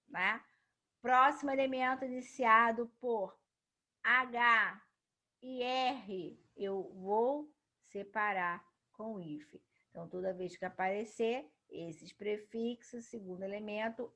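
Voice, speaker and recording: A woman's voice: fairly high pitch, sharp tone. A woman teacher explaining grammar rules, stressing key words and answering questions she poses herself. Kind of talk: grammar lesson.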